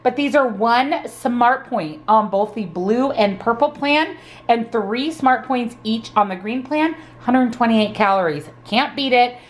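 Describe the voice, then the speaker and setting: A woman's voice: a little high, unhurried. A woman narrating her weekly meal prep in an upbeat, chatty voice-over, explaining each step as she cooks. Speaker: meal prep vlogger and nutrition coach. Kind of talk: casual cooking voice-over.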